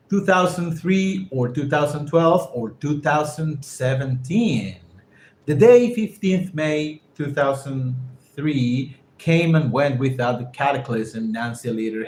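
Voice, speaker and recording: A man whose first language is Spanish reads an English passage aloud for learners, pausing often to define words and try their pronunciation. His voice sits at a middling pitch. It echoes around a reflective room, with a faint ambient hum underneath. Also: a little mellow. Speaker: English teacher reading a text aloud. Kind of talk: reading a text aloud and explaining vocabulary.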